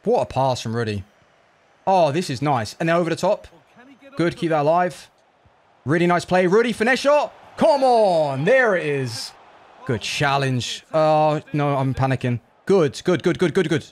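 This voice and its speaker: A man giving live commentary on his own football video game match, excitable, jumping from low groans to loud yelps. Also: normal speed. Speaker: gaming YouTuber.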